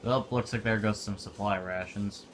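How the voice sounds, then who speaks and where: A young man with a lowish voice chats offhandedly through his gameplay, half talking to himself. A steady layer of game noise sits clearly behind him. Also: normal speed. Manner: offhand, talks to himself while playing. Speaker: gameplay commentator. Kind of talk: casual gameplay commentary. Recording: noisy game audio behind.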